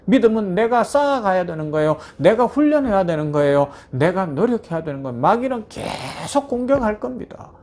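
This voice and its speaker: A male pastor delivering a morning devotional sermon. His voice sits high, and he preaches in an animated way, throwing rhetorical questions at his listeners. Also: a little fast, hardly any pauses.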